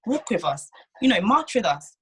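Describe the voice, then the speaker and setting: A woman's voice: mid-range voice, sing-song, moderate pace, fairly bright tone, a little hiss or hum. A woman co-hosting a casual chat, talking emphatically and repeating words as she builds up her point. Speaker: co-host.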